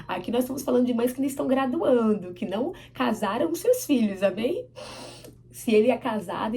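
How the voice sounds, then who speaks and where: A woman's voice: on the high side, a little mellow, slight background noise, poor audio. A woman with a Brazilian Portuguese accent giving a church teaching, earnest and emphatic, asking the audience for amens.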